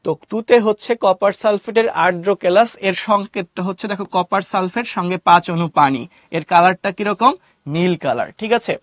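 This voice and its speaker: A man's voice: sits high, normal speed, a bit bright, no echo, studio quality. A young man with a Bangladeshi Bengali accent teaching an online class, who asks his own questions and answers them, mixes in English words and replies to student comments.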